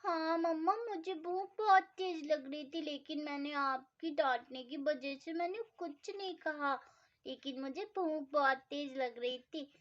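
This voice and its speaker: A woman playing a high-pitched lisping little girl, pleading, kind of muffled recording. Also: measured pace, fairly bright tone. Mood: meek. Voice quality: childlike lisp. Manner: whiny, pleading. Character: little girl Sona, timid, pleading, easily scolded. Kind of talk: storybook doll-play acting. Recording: dull lo-fi sound.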